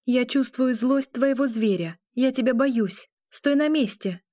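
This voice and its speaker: Woman playing a high-strung pregnant she-wolf, raised pitch, dry close sound, audiobook. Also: expressive, normal speed, warm tone, no room sound. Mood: fearful. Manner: high-strung, fearful, accusing.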